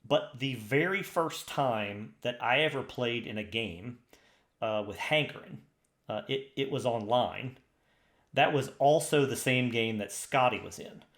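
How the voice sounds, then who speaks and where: A podcast co-host with a medium-pitched, somewhat bright voice speaks a little slowly but with lively intonation. His enthusiastic, casual chat rambles with frequent restarts, heard through a roomy echo.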